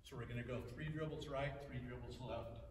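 An older man coaching basketball drills in a large indoor gym. His voice comes from far off the camera and rings around the hard walls. A basketball bounces loudly behind him. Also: mid-range voice, steady tone, a little fast, reverberant, in a large hall, heavy background noise. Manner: plain, repetitive coaching talk, often raised while dribbling. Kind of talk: instructional demonstration. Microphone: camera mic at a distance.

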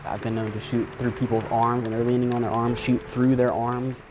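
A man's voice: mid-range voice, little pitch movement, fairly quick. A man, a photographer, speaking thoughtfully with some hesitations in a documentary interview. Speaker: legislative photographer. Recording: interview with music underneath.

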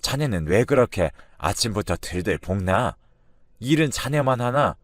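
A man's voice: lowish voice, animated, normal speed, dry recording, clean studio sound, natural voice. A man voicing an older mother-in-law who scolds him dismissively. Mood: scolding. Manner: condescending, scolding.

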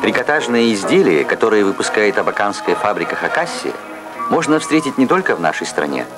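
A man narrating an old Soviet documentary newsreel in a formal, measured announcer delivery. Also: on the low side, very animated, over music, low-quality recording. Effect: old newsreel soundtrack.

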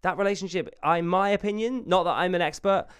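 Insistent higher-voiced man debating. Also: fast talker, clear, resonant tone. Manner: insistent, teasing, talks over the other. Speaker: podcast co-host. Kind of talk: casual debate.

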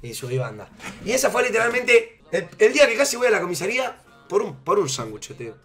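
A man's voice: high voice, sing-song, fast talker, creaky, a bit bright, faint music behind. A young man with an Argentine accent telling a story to his live chat in a casual, slangy, rambling way, repeating himself as he goes. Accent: Argentine Spanish. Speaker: streamer.

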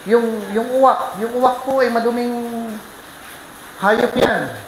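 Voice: mid-range voice, measured pace, echoey room, background noise. A pastor preaching a sermon, telling a story with energy and keeping the congregation involved with questions. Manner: lively storytelling, keeps asking the congregation questions. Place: church.

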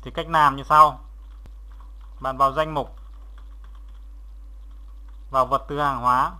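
In a step-by-step software tutorial, a man teaching the material narrates haltingly and goes back over each step. His pitch is medium and his tone stays steady.

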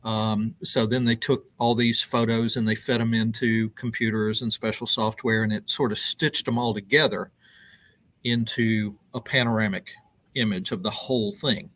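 Middle-aged male reporter, guest on a web show, speaking over a webcam from a brick-walled room, loose and halting with frequent ums. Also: on the low side, fairly even intonation, a bit bright. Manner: loose, halting delivery with many ums and restarts. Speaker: news reporter interviewed as guest. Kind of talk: conversational explanation on a live web show. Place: indoor room with brick wall. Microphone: video call webcam.

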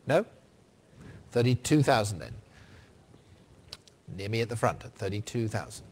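A middle-aged man working as a fine art auctioneer, calling bids in short, formal, repeated phrases. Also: medium pitch. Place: large indoor auction saleroom.

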